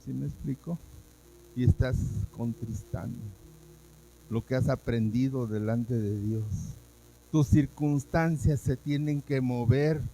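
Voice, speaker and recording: A man's voice: medium pitch, takes it slowly, dark tone, a little hiss or hum, low-quality recording. A man, a pastor giving a sermon at a church service, telling his own testimony with feeling and acting out what he once said. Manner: emotional storytelling, acting out his own past words.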